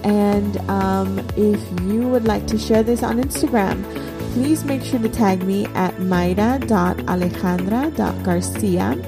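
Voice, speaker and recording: Over background music, a woman in her forties hosts a personal podcast monologue, her mid-range voice unhurried. She talks earnestly and conversationally, with plenty of fillers.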